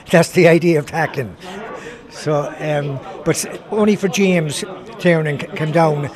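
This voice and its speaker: A man's voice: a little high, steady tone, unhurried, crowd noise. An older Irish man reminiscing in a rambling, conversational way, telling anecdotes as a former footballer. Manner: rambling, conversational, repeats himself. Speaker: former footballer being interviewed.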